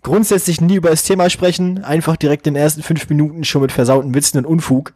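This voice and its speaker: A man chats loosely on a podcast, trailing off and restarting his sentences as he jokes about himself. His close microphone is overdriven, so every word comes through with crunchy clipping distortion. The voice itself is husky, and the recording is dry with no room sound. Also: a little high, steady tone, fast talker, warm tone, no echo. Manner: rambling, self-mocking, restarts sentences. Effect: clipping distortion from an overdriven mic input. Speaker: podcast co-host. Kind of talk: casual joking podcast chat. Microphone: close studio microphone, gain set too high.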